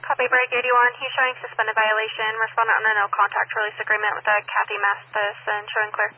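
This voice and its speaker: Dispatcher on a police radio, fast and clipped, thin and far off the mic. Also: medium pitch, monotone. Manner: rapid clipped dispatch talk. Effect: police radio transmission. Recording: tinny distant radio with faint static.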